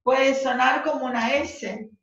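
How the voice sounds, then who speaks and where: Slow, high-voiced Rioplatense teacher. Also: female voice, background noise. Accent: Rioplatense Spanish. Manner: slow, patient, repeats key points and checks understanding. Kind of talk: classroom lesson. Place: classroom. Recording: distant, echoey, muffled classroom recording.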